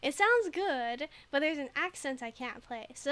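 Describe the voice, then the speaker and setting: Her voice sits high and sounds expressive and a bit bright, moving at a measured pace as she giggles and rambles through casual commentary on her game stream. She grew up in the United States after moving there very young, and her American accent carries just a slight foreign tinge from her native Mandarin.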